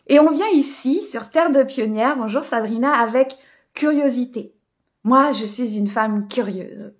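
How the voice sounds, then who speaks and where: A woman hosting a live coaching stream, speaking in a reflective, spiritual way with many fillers and soft laughs. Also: a little high. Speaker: host of a live coaching session. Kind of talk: casual live stream talk, greeting viewers.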